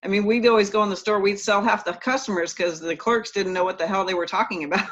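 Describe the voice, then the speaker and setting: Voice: medium pitch, fairly even intonation, fast talker, fairly bright tone. A podcast host in casual interview chat, talking loosely in rambling sentences and joking along.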